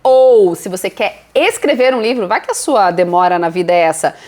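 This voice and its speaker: A woman with a Brazilian accent, co-hosting a casual motivational talk as a speaking coach, lively and teacherly, acting out what her students say. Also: mid-range voice, normal speed. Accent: Brazilian Portuguese.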